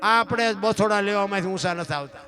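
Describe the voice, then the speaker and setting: A man giving a live folk stage talk with moral teaching. He asks the audience rhetorical questions and swings between loud emphasis and hushed asides. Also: sits high, a little fast. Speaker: folk storyteller and literary speaker at a lok dayro. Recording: live stage sound with instrumental music behind. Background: plucked string instrument playing.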